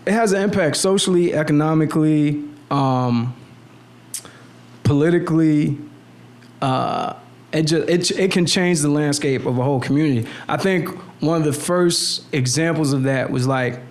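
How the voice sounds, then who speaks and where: A young man telling stories in a relaxed podcast chat, full of slang and restarts, at a boom mic in a small studio room. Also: normal speed. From Navy brat, born in the Philippines, lived in Miami. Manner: animated storyteller with frequent restarts and slang. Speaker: podcast guest, clothing designer. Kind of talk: casual podcast conversation. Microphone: boom mic on arm at the table.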